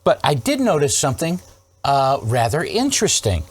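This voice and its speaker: This man hosts an electronics repair series, and his husky voice runs on the high side, with big pitch swings at a moderate pace. He talks through a casual, hands-on troubleshooting demo emphatically, asking rhetorical questions and checking in frequently.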